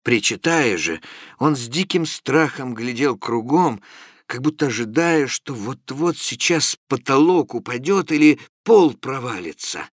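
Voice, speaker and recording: A man reading classic fiction aloud as an audiobook narrator, in a measured, expressive way. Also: mid-range voice, no room sound, clean studio sound.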